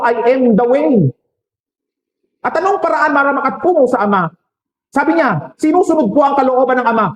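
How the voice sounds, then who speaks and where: High-voiced Filipino priest in a roomy church. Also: male voice. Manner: preaching with rhetorical questions and quick jokes. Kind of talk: sermon.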